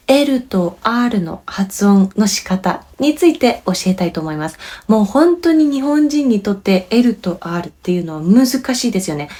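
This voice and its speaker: A woman's voice: mid-range voice, darkish tone. Patient Japanese woman teaching pronunciation. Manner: clear, patient explaining with demonstrated words. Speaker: language teacher. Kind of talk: bilingual pronunciation lesson.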